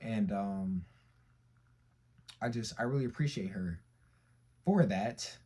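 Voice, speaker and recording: A young man vlogging, telling a personal story in slangy, emphatic talk that swings between loud outbursts and quiet asides. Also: fairly low pitch, slow pace, breathy edge. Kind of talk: casual storytelling monologue.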